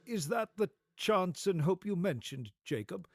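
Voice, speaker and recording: A man's voice: sits high, animated, a little slow, no room sound, studio quality, pitched above the performer's own voice, exaggerated voice. A man playing a fretful, bewildered old miser in a storybook radio play, querulous and hesitant. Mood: nervous, reluctant.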